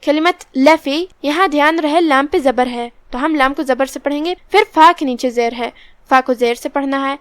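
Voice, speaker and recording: A woman teaching the rules of Quran recitation, explaining each letter step by step and then reciting slowly and drawn out. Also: high voice, fairly bright tone, no echo. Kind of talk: tajweed lesson with slow recitation.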